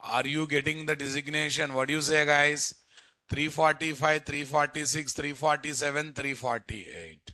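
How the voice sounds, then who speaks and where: A man with an Indian Telugu accent teaching a live software class as instructor, often repeating phrases and quizzing his listeners. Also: a little high, steady tone, moderate pace, no room sound. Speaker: programming instructor.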